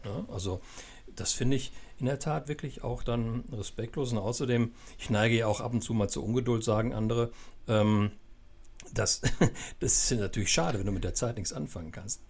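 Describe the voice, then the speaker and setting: A man giving calm, explanatory advice in a casual chat, often ending points with tag questions. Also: medium pitch, husky.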